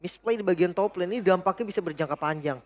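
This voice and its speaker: High-voiced Indonesian man commentating esports. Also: quick pace. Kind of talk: live game commentary. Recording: music behind the voice. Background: background music.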